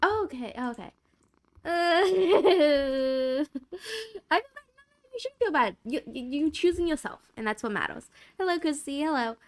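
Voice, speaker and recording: A woman's voice: high voice, expressive, a little slow. A young adult woman streaming from a home gaming setup into a desk mic, chatting casually, giggly and rambling, often repeating herself. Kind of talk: casual live-stream chat. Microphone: desk microphone.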